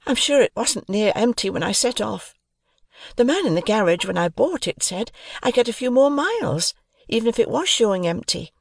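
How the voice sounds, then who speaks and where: A man's voice: high voice, very animated, moderate pace, gravelly, no room sound, clean studio sound, voice pushed up, full character voice. A man putting on a nervous young woman's voice. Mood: anxious. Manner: soft and apologetic. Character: young woman in her twenties, nervous and self-deprecating.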